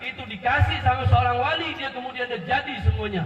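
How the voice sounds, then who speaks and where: A man with a very high voice preaches in a Pontianak Malay accent. He tells the story with animation, acts out each character and jokes with his listeners. He is recorded from a distance in a large hall, with long reverb and a dull, lo-fi sound. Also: brisk. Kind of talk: sermon storytelling. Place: large hall at a religious gathering. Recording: echoey hall from far off, dull lo-fi.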